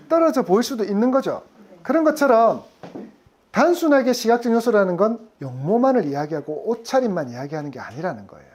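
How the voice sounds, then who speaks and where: Lively woman lecturing a class. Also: fairly high pitch. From Gyeongsang region. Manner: asks the audience frequent questions. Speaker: insurance sales lecturer.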